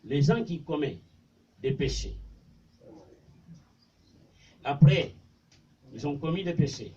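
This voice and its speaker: Heard from afar on a dull, lo-fi recording with faint noise, a Mandinka-speaking Senegalese man gives an informal religious talk in Senegalese-accented French. His voice is fairly high and mellow, with lively intonation and a slow pace. He speaks conversationally and repetitively, reciting verses in Arabic.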